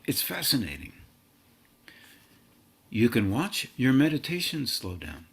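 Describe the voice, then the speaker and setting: Male spiritual teacher, unhurried and halting, gravelly husky tone. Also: mid-range voice, very animated, a bit bright. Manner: slow, halting, drawn-out phrases. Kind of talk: meditative spiritual talk.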